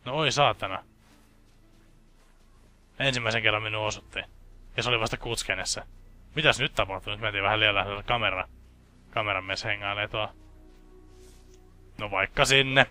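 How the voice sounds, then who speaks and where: A man's voice: fairly low pitch, pauses often, pushed and bright, faint music behind. A young man from Finland commenting casually on a game he plays, sarcastic, joking and swearing often. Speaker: gameplay commentator. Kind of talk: casual let's play commentary.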